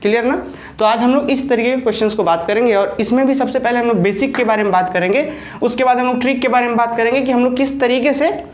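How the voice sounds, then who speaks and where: Higher-pitched woman teaching a maths class. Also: fairly even intonation, fast talker. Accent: Jharkhand Hindi. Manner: explains step by step, often checks understanding. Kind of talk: online class lecture.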